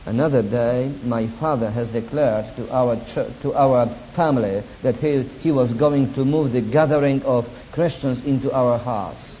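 Speaking English with a Polish accent, this man from Poland preaches as a visiting guest, sharing personal testimony through slow, halting phrasing and the occasional wry remark. His voice sits in the mid range and sounds warm, captured on a dull lo-fi recording with light hiss.

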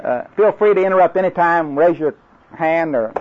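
In a dull lo-fi recording, an older man from Oklahoma speaks at a normal pace with a fairly high, animated voice and an Oklahoma accent. As an evangelistic crusade class instructor, he delivers a folksy, joking training talk to class instructors, drawling through anecdotes and restarting often.

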